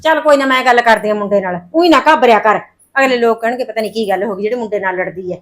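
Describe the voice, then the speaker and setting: An actress playing a middle-aged sister who briskly brushes off worries and reassures, in a short film drama. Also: female voice, a little high, lightly acted.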